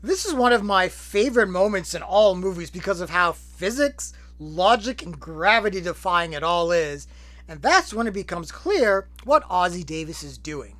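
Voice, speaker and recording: A man's voice: high voice, animated, moderate pace, a bit bright. A man hosting a film retrospective, talking with sarcastic, profane jokes between clips. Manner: sarcastic, profane, joking asides. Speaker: film review host.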